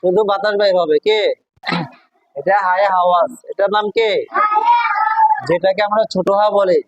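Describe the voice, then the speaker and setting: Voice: medium pitch, normal speed, no echo, lo-fi sound. A Quran teacher, patiently drilling a class on letter sounds and asking them questions. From Bangladesh. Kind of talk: classroom call-and-response drill.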